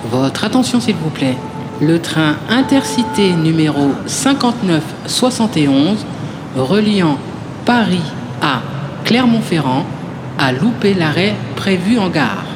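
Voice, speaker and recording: A woman's voice comes over a station PA system, announcing in a formal, even-paced manner. It sounds distant, as if heard from across the concourse. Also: on the low side, slow pace, heavy background noise.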